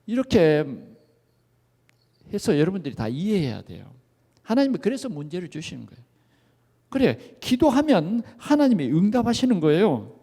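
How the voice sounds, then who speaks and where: A male pastor with a high voice preaches with lively rises and falls, often putting questions to the congregation. His voice rings out through a spacious, echoing church sanctuary. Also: moderate pace, long pauses. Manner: animated, asks the congregation questions. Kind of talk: sermon. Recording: echoey church hall.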